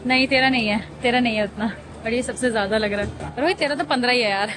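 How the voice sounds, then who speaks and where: Chatty young woman vlogging, pitched up. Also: quick pace, over music. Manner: chatty, addresses viewers as guys, mixes in English. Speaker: vlogger host. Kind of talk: casual vlog chat. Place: airport terminal.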